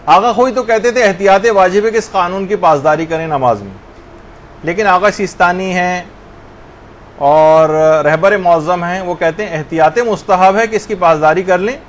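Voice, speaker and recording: A man with a fairly high voice teaches correct Quran recitation in an unhurried lesson. He moves between plain explanation and slow, drawn-out chanting of verses as worked examples. Faint background noise sits under the voice.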